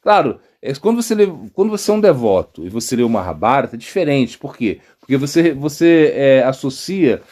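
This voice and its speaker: A man with a Brazilian Portuguese accent, a monk giving an informal devotional talk, halting often with fillers and tag questions. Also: medium pitch, big pitch swings, darkish tone. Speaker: monk teaching a devotional lecture.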